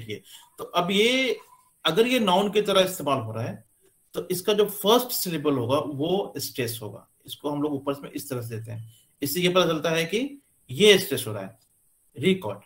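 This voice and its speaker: A man giving a classroom lecture, explaining slowly with many pauses and fillers as he points to what he writes. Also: a little high, a bit bright. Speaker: teacher. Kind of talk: classroom lecture on English stress.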